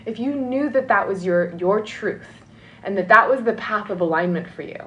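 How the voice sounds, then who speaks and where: A woman's voice: medium pitch, moderate pace, bright, forceful tone, poor audio. A woman talking as a love and dating coach in a motivational podcast monologue, earnest and encouraging, often checking in with "right?".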